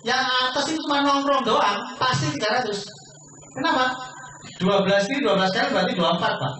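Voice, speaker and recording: Picked up from afar in a cavernous, echoing hall with a low ambient hum, a high-voiced man pitches a business opportunity at a sales seminar. His tone is bright and forceful, and he persuades by calling people sir and firing quick questions at the crowd.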